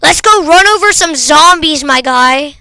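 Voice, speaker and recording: Bright, high-voiced young woman gamer. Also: lively intonation, unhurried, no room sound. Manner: goofy and teasing, bursts into shouts. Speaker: gaming video creator. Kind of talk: playful gameplay commentary.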